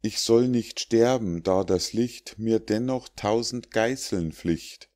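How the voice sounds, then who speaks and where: A desperate, grief-stricken young widower, voiced by a man reading verse fables aloud, pleading and lamenting to a wise man in a raised, strained voice. He sits noticeably higher than the narrator's deep, slow reading. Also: dark tone. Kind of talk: audiobook reading of rhymed fables.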